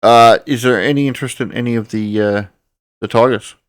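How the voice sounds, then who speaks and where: A man's voice: medium pitch, fairly even intonation, fairly quick. Matey man hosting casual sports chat. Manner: matey, sweary banter. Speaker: podcast host steering discussion.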